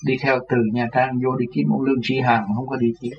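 A man's voice: mid-range voice, little pitch movement, fast. Distant man reminiscing. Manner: rambling, repeats words, acts out others' voices. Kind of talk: casual spoken recollection. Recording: distant, dull mic with faint noise.

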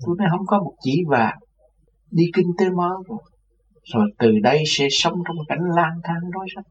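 A man's voice: a little high, lively intonation, fairly quick. A man, a religious teacher, tells his story in a loose, repetitive way. He is recorded from a distance on a dull, muffled mic with a faint hiss behind him. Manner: rambling, repeats words, acts out others' voices. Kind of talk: casual spoken recollection.

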